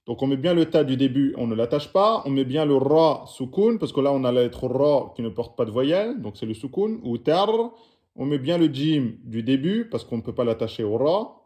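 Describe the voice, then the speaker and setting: A man's voice: mid-range voice, lively intonation, normal speed, dark tone. A man teaching the Arabic alphabet, patiently correcting written exercises and spelling out each letter and vowel aloud. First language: French-speaking audience.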